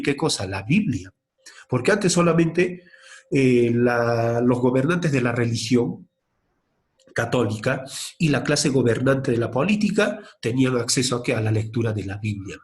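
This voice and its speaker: A man teaching a class of young students in a history lesson. He keeps asking questions and then answers them himself, with his pitch jumping up and down as he talks.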